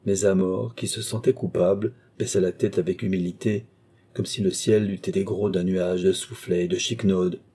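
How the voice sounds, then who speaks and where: A man narrating a classic novel aloud with steady, measured storytelling. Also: low-pitched, breathy edge. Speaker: audiobook narrator.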